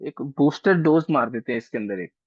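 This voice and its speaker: A man's voice: medium pitch, animated, fairly quick, husky, no echo. Chatty male astrologer teaching online. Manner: chatty, teasing, coaxing students along. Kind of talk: casual online class. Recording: dry, dull lo-fi call audio.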